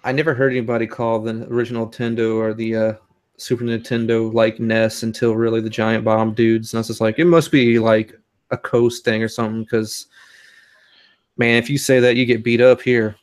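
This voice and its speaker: Brief: man, gaming podcast co-host, crude jokey banter, mid-pitched. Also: completely flat delivery, brisk, clear, resonant tone. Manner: profane, joking, laughs often. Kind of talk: casual gaming chat.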